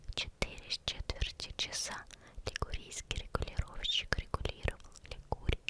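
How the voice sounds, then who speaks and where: Hushed whispered ASMR tongue-twister reading. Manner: hushed whisper, stumbles over words and repeats them. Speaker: ASMR creator.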